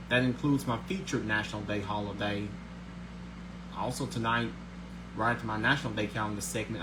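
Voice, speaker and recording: A man's voice: medium pitch, background noise. A man hosting his own daily video show, upbeat and religious, who reads a scripted segment and often stumbles and restarts his words.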